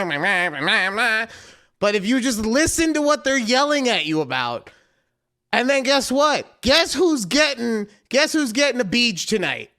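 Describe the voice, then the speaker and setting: A man in his thirties co-hosting a podcast, chatting casually and joking with loud bursts. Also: high-pitched. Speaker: podcast co-host. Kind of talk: casual chat.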